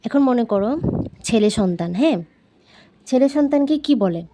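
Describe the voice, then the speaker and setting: A woman with a Bangladeshi Bengali accent teaching vocabulary in a casual lesson, saying each word slowly and repeating it to drill it in. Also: on the high side, animated, mellow, a little hiss or hum. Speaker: language teacher.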